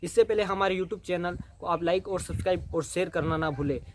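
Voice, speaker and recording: A man's voice: high-pitched, a little fast, noisy background. A man teaching an exam-prep lesson, who keeps asking and answering his own questions. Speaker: coaching teacher.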